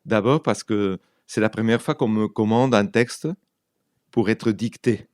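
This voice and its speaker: A writer and translator from Argentina, with an Argentine accent and Spanish as his native tongue, tells anecdotes during a conversational interview, often pausing to find words. He speaks unhurriedly in a fairly low, slightly mellow voice with fairly even intonation, and the recording is dry.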